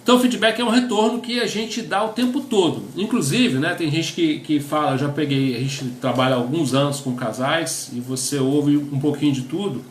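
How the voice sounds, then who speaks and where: A man's voice: fairly high pitch, fairly quick, few pauses, roomy sound, slight background noise. A middle-aged Brazilian man, a pastor teaching couples in a conversational sermon, often tagging his sentences with a questioning aside. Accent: Brazilian Portuguese. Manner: conversational, tags lines with "né?", reads definitions aloud.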